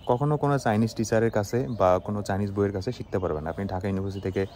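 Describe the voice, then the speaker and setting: A young man from Bangladesh talks through a casual language lesson, keeping it conversational and often checking that his listeners follow along. His voice sits fairly low and sounds mellow rather than bright. A faint background hiss runs under the recording. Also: racing. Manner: conversational, with frequent "ঠিক আছে?" checks. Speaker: Chinese language teacher. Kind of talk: casual spoken lesson to camera.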